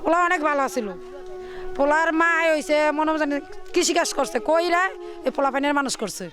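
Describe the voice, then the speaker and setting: A woman's voice: high-pitched, brisk. A woman with a rural Dhaka-area Bangladeshi accent, giving an informal interview answer. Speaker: interviewee, local villager.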